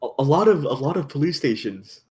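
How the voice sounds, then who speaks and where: A man's voice: mid-range voice, animated, a little fast, a little mellow. A man in a casual chat over an online call, rambling loosely, whose voice cuts off suddenly mid-sentence when the call drops. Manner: loose and rambling, says bro and dude. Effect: voice cuts off suddenly mid-sentence from call dropouts.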